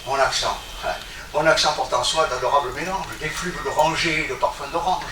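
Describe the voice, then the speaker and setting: A man reciting a poem aloud to a gathering in a declamatory, expressive way. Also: fairly high pitch. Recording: echoey room from a distance, background noise.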